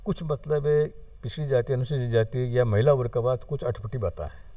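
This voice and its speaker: A man's voice: medium pitch, fairly quick, mellow, no echo, distant mic. A male studio guest, a poet and translator, talking about translation and reciting devotional verse in a sing-song chant that repeats each line. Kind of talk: conversational interview with recited verse. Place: television studio.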